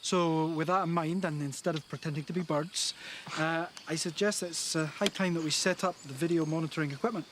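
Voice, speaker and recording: An actor playing a man leading a group of teenagers at a bush camp, talking in a patient, hesitant way with many pauses. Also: on the high side, steady tone, natural voice. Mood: calm, coaxing. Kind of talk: TV drama acting. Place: outdoors in the bush. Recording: outdoor noise behind the voice.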